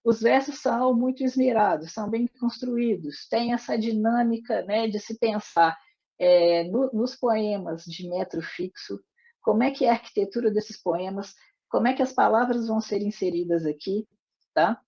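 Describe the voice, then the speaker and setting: A woman teaching a literature class online, explaining step by step and often adding quick tag questions. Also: medium pitch, mellow. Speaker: literature lecturer. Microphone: wireless earbuds on a video call. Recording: dull lo-fi online call audio.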